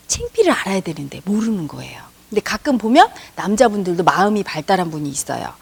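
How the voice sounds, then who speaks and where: A woman's voice: medium pitch, darkish tone, breathy edge. A middle-aged woman giving a spiritual lecture as a meditation teacher, emphatic, asking rhetorical questions and acting out quotes.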